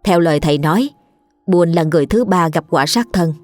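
Low-voiced woman narrating a ghost story. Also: brisk. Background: soft background music.

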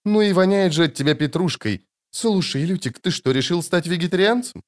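A man's voice: high-pitched, animated, brisk, voice pushed up. A man doing Yennifer, a hissing, impatient sorceress. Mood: teasing. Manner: hissing, exasperated. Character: sharp-tongued sorceress, adult woman, impatient.

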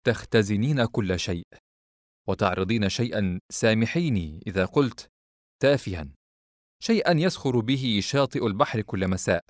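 A man voicing a reserved, melancholy man who speaks in a cool, measured, restrained way in an audiobook. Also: on the low side, dry recording, clean studio sound, lightly acted.

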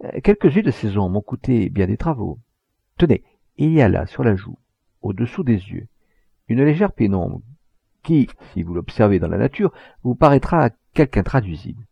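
A man voicing an obsessive, proud, volatile old master painter, husky and emphatic, in a storybook reading. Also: lowish voice, big pitch swings, moderate pace, dry recording, full character voice. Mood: impassioned. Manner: impassioned, emphatic, with hesitations. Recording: dull lo-fi recording.

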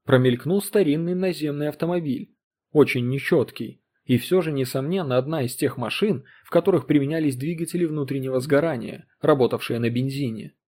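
A man narrating a science fiction audiobook with steady, dramatic storytelling. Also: fairly high pitch, a little fast. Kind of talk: scripted narration.

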